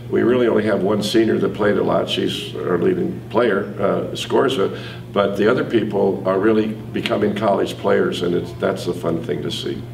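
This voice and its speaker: A man in his sixties, a basketball coach, answering press conference questions in an easygoing, chuckling way with many filler pauses. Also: on the low side, creaky, slight background noise. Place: indoor press conference room. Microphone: table mic from a distance. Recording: echoey room, distant mic.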